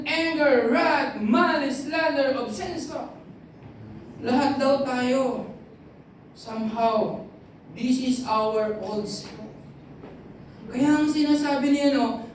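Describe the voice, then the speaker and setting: A woman preaches in a lively storytelling way and often mimics the people in her stories. Her voice comes from a distance and rings around a large, very echoey hall. A faint hum of ambient noise sits underneath. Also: fairly high pitch. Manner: lively storytelling, imitates others, frequent fillers. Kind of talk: sermon mixing Tagalog and English.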